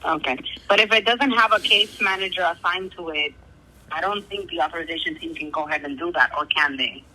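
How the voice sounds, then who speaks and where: A woman's voice: fairly low pitch, brisk, husky. A woman working as a call center agent, speaking on a customer service phone call. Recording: dry, bright telephone line.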